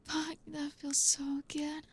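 A young woman whispering softly in an intimate ASMR roleplay, reassuring and coaxing, with frequent low hums. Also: monotone. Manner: soft unvoiced whispering, slow and soothing.

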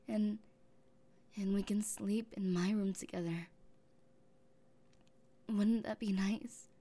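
In an audio roleplay, a woman voices a lovesick young woman who keeps the person she loves captive, sounding both tender and possessive. Her mid-range voice is mellow and softened, very slow, halting between phrases and often slipping into a hushed whisper.

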